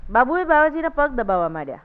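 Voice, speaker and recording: A woman reciting a literary essay in a steady, measured reading voice at a literary event. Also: sits high, clean tone. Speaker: essay reader. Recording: thin phone-like sound.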